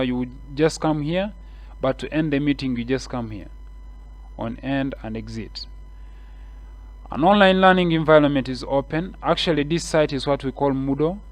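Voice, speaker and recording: His voice a little high, a man with a Kenyan English accent talks viewers through a screen-share tutorial in steps, relaxed and repetitive, with frequent fillers. The recording has no echo.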